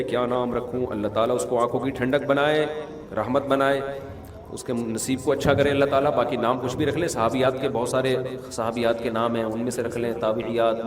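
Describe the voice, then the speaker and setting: A mufti answers questions in a conversational religious talk, blending rulings with humorous anecdotes and checking that listeners are following. His voice is mid-range, and the recording carries a long hall reverb.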